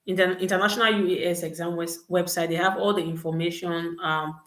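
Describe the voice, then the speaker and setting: A young woman hosts a live Q&A, giving advice and checking in with "okay" and "all right." Her voice sits a little low. The room around her sounds echoey and open. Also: level tone, a little fast. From Cameroon. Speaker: host answering study-abroad questions. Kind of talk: live Q&A chat. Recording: roomy echo.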